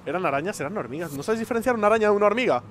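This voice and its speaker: Excitable streamer shouting at his game. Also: high voice, racing, noisy background. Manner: excitable, swears a lot, shouts at enemies. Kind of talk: live gameplay commentary.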